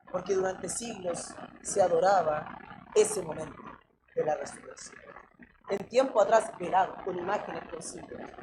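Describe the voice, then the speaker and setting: A woman's voice: medium pitch, noisy background. A woman with a Chilean accent preaching a sermon, speaking emphatically, asking many rhetorical questions and often turning to her listeners as brother.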